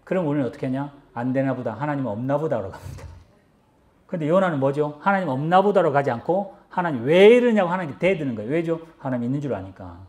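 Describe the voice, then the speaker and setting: A man preaching a sermon as pastor, animated, acting out quoted lines and often repeating words as he searches for them. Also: a little high, fast talker.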